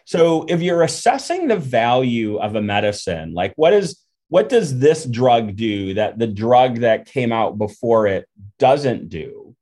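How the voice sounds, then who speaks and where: A man hosting an interview, explaining his points in a measured, thoughtful way. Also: medium pitch, big pitch swings, darkish tone. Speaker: podcast host. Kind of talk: conversational interview.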